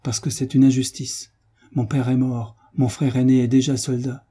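A man's voice: mid-range voice, little pitch movement, normal speed, dark tone, breathy edge, lightly acted. A man reading aloud, voicing a proud young peasant who answers in a curt, defiant way.

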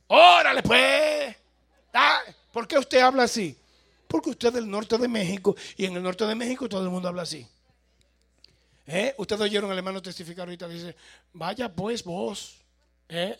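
A man's voice: high voice, vocal fry, fairly bright tone. A pastor from El Salvador with a Salvadoran accent, preaching a sermon and questioning his congregation, with amens in between.

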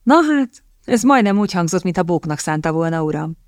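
A proud, strong-willed young lady who presses her point with sharp insistence, voiced by a woman narrator. Her voice sits fairly low, in a dry, close recording without any room sound. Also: expressive, dry recording, lightly acted. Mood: softened.

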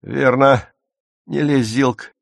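A man voicing a normally quiet teenage boy who shouts threats at his twin during a fight. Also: mid-range voice, fairly even intonation, very slow, creaky, no echo, studio quality, voice pushed up. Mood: heated.

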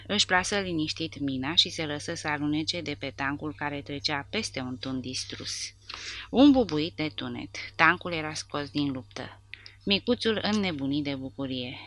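Low-voiced woman narrating an audiobook. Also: animated, fairly bright tone. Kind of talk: scripted narration of a war novel.

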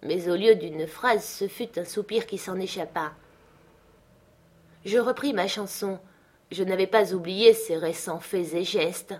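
A woman narrating a literary audiobook in measured, clear storytelling. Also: medium pitch, darkish tone.

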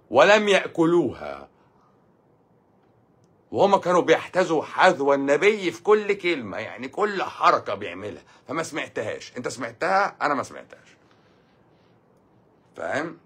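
An Egyptian man hosting a casual live stream, answering viewer comments with quick jokes. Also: medium pitch, fairly bright tone, breathy edge. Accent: Egyptian Arabic. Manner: quick, joking, reads viewer comments aloud.

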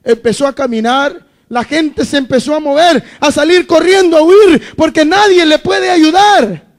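Man, preacher, very high voice, dramatic sermon, hushed to shouting. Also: normal speed.

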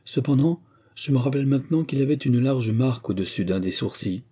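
A man's voice: medium pitch, expressive, fairly quick, warm tone, husky, voice pushed up. Shy young daughter, read by a man. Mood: hesitant.

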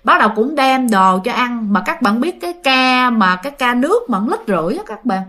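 A woman's voice: fairly high pitch, very animated, a little fast, pushed and bright. A woman telling a ghost story in a chatty, casual way, often speaking to her listeners. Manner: chatty, addresses listeners, many fillers.

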